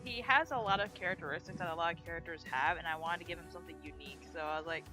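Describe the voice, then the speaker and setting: A woman's voice: fairly low pitch, very fast, sharp tone. A woman chatting playfully while she draws, rambling about her character with laughs. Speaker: artist, streamer. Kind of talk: casual chat while drawing. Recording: faint music behind.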